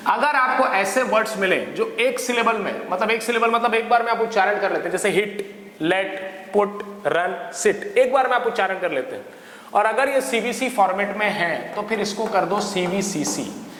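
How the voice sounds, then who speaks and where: A man's voice: high-pitched, a bit bright, a little hiss or hum. A man with an Indian English accent giving a grammar lesson, explaining step by step and checking in with his listeners. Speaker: English teacher. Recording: echoey hall, faint background ambience.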